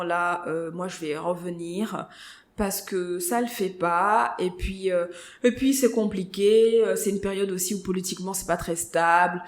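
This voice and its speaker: A woman shares her story as a podcast guest, talking casually and animatedly and slipping into the voices of people she quotes. Her voice sits at a middle pitch for a woman. The room adds a noticeable echo around her. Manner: lively storyteller who acts out quoted voices. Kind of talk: conversational interview storytelling. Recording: roomy echo.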